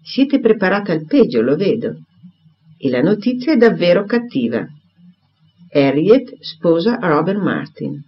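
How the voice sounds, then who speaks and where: Grave steady gentleman read by a man, firm, husky tone, lively pitch, dull lo-fi recording. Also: measured pace, full character voice.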